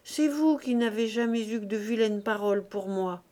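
A woman's voice: fairly high pitch, normal speed, dark tone, close to an everyday voice. A woman reading aloud, voicing a young, teasing niece who brushes off the gossip lightly. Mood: dismissive.

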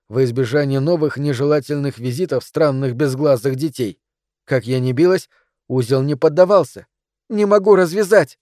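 A man narrates an audiobook in a measured, dramatic reading with a somewhat high voice. The sound is dry and close on a studio mic. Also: dark tone, no room sound. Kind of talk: scripted narration.

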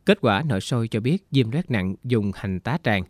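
A man narrates a story in an even, unhurried reading. His voice sits at a middle pitch for a man. The sound is dry and close, with no room echo. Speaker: audiobook narrator.

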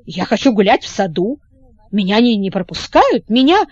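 A woman's voice: lively intonation, measured pace, no room sound, dull audio. A woman voicing a furious, indignant young prince who sputters with rage in an audiobook. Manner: shrill, raging, sputtering. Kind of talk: audiobook character reading.

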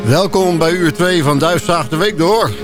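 Higher-pitched male DJ over loud music. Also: moderate pace. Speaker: radio music show host. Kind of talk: radio presenting over music. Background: loud music with trumpet.

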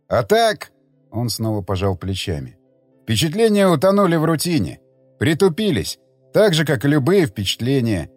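A man's voice: on the high side, dry recording. A man voicing a weary, reflective grown man who muses wistfully in an audiobook. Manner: musing, wistful, unhurried. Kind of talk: audiobook character reading.

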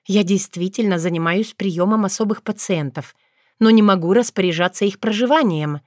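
A woman's voice: medium pitch, normal speed, no echo, studio quality, close to an everyday voice. A woman voicing a polite young woman doctor who speaks carefully and hesitantly. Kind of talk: audiobook character voice.

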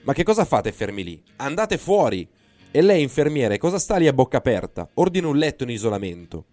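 Man reading as a squeamish grumpy doctor, snappish and disgusted, raised voice over a mellow low tone, audiobook, faint music behind. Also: fairly quick, no room sound, natural voice. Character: irritable squeamish male hospital doctor.

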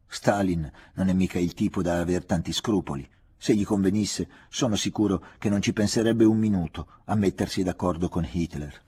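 A man with a husky voice reading the part of an aging father, kindly, fretful and confiding. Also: low voice, moderate pace, warm tone. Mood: grim. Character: aging father, anxious, gentle, talkative.

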